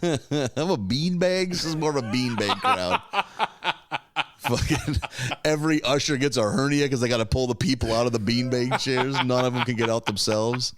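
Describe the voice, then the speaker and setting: A man's voice: mid-range voice, fairly even intonation, normal speed. A man co-hosting a podcast in casual comedic chat, laughing often and joking crudely with plenty of swearing. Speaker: podcast co-host.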